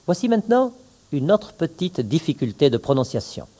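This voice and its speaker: A man teaching pronunciation in a recorded lesson, saying each word slowly and with clear, stressed syllables. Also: a little high, very animated, dark tone. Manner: slow, carefully articulated, stresses syllables. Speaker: language teacher.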